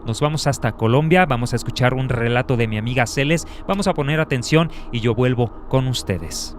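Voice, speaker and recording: A man's voice: medium pitch, fairly quick. A middle-aged man hosting a paranormal radio show, chatting casually and thinking aloud with many restarts. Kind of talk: casual storytelling chat. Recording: faint background noise.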